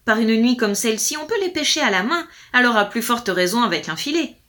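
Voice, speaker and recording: A woman's voice: a little high, lively intonation, fairly quick, fairly bright tone. A woman doing a sly peasant husband. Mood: brisk. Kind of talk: storybook reading.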